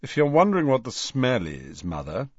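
A haughty teenage bully from a storybook, acted out by a male narrator. He drawls and sneers with spite, the pitch swinging widely. The recording is dry. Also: wildly swooping pitch, moderate pace, dry recording, dull audio. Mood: sneering.

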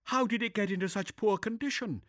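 A man putting on a high, anxious young woman. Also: fairly quick, a bit bright, no echo, clean studio sound. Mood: urgent. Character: young female inquisitor, sharp and anxious.

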